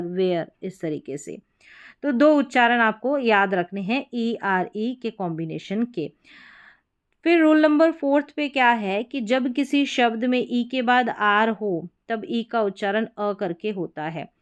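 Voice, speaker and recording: A woman takes learners through English spelling rules, her voice smooth and clear. She is patient, says each example word slowly and more than once, and asks her students questions along the way. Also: a little high. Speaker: English pronunciation teacher. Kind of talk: explaining spelling rules from a board.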